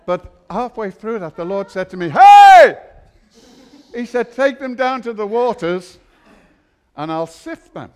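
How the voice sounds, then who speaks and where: A man's voice: high voice, normal speed, clean tone. A man preaching in an exuberant, erratic charismatic style, with joking asides. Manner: exuberant, erratic, interjecting nonsense exclamations and chuckling; swings from quiet speech to shouting. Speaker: guest preacher, pastor.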